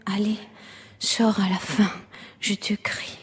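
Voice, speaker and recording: An actress playing a lonely, fragile woman who speaks slowly and often in a whisper, in a stage play. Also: mid-range voice, little pitch movement, breathy edge, big-room sound. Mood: hushed. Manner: slow, hushed, often whispering.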